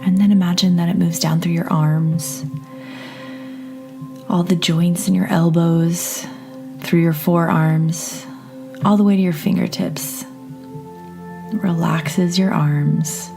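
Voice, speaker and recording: A woman speaking in a soft, soothing therapist voice, leading a calm grounding meditation. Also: vocal fry, music in the background. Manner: soothing, lowered therapist voice, slow and gentle. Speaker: podcast host and therapist.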